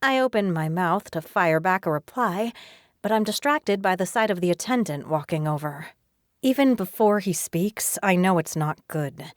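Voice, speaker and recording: A woman narrating a romance audiobook in the first person in a steady, even reading voice. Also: fairly low pitch, moderate pace, dry recording, studio quality.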